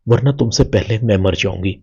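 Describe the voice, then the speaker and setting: A man reading the lines of a loving, remorseful young wife in a drama recap, softly and with a husky low voice. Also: dull audio. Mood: tender.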